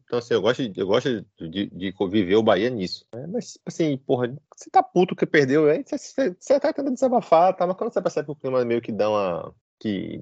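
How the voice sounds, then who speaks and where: A man chatting on a fan podcast, reasoning out loud in a relaxed, filler-heavy way. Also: fairly low pitch, no room sound, highs cut off. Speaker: podcast co-host, football fan. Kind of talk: casual chat.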